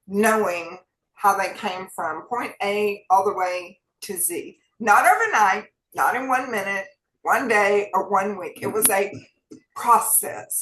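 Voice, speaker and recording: A woman's voice: medium pitch, a bit bright, reverberant, a little hiss or hum, low-quality recording. A woman, co-hosting and talking straight to her viewers in a chatty, folksy way. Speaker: co-host sharing wellness tips. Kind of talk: casual chat.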